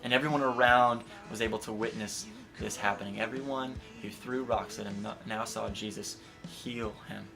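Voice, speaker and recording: A man's voice: on the low side, fairly even intonation, moderate pace, creaky, hardly any pauses. Earnest young male preacher over guitar. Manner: earnest, builds to impassioned emphasis then drops soft. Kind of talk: sermon. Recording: guitar music playing underneath.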